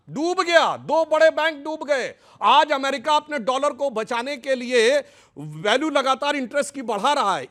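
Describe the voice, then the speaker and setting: A man with a very high-pitched voice argues as a panelist on a televised news debate. He is sarcastic and combative, and heaps mock praise on his rivals while he makes his points. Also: fairly bright tone.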